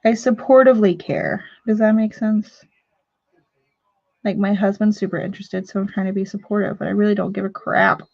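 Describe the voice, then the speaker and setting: A woman's voice: mid-range voice, fairly even intonation, fairly quick, gravelly, dry recording, muffled recording. A woman from Missouri hosting a casual live stream talk show from home, chatting, joking and reading out viewer comments. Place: home living room.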